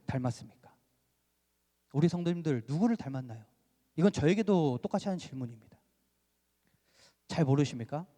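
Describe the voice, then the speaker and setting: A male pastor giving an animated sermon, full of rhetorical questions, in a church sanctuary. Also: a little high. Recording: reverberant church hall.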